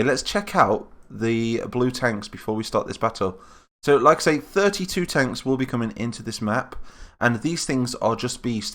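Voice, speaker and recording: Over a battle-simulation game, a nasal-sounding man with a cold rambles casually, chatting and correcting himself along the way. It is relaxed gameplay commentary, delivered in a fairly bright voice of medium pitch.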